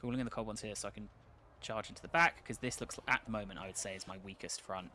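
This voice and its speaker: A man's voice: fairly low pitch, fast talker, sharp tone, faint music behind. A man streaming a strategy game, chatting casually and telling stories between battles. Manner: chatty, joking, tells stories.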